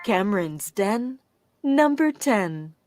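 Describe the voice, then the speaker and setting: A female bingo caller reads out numbers with their rhyming nicknames. She takes her time, very slowly spacing each short call, and her pitch swings in a lively way. Loud music plays behind her. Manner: slow, deliberate announcing in short separated calls.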